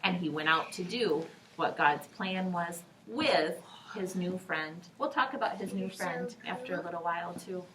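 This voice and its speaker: A woman telling a Bible story to children, animated and swinging between loud lines and soft whispers. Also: lowish voice, unhurried, few pauses, far from the mic, a little hiss or hum. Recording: recorded from across the room.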